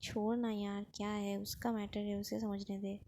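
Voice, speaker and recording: A woman voicing a short-tempered young businesswoman in a spoken storybook, talking in a brisk, matter-of-fact way. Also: medium pitch, level tone, dark tone, a little hiss or hum, natural voice. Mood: musing.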